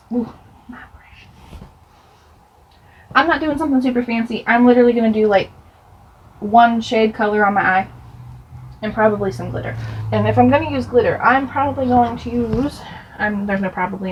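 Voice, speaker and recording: Young woman vlogger, higher voice, storytime over makeup, chatty and theatrical, slightly dull recording with faint hiss. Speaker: beauty vlogger. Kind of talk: get-ready-with-me storytime.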